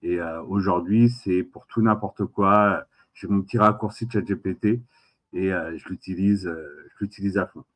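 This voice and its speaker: A man, an agile coach guest on a tech podcast, talking in a relaxed, enthusiastic way. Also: sits low, normal speed. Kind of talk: casual tech panel chat.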